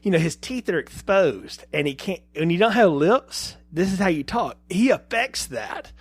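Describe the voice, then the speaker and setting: A man's voice: sits high, normal speed, husky, no room sound. A man co-hosting a podcast, casually discussing a film and acting out little quotes as he talks. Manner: animated, acts out quotes, frequent restarts. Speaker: podcast co-host. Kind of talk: casual film review chat.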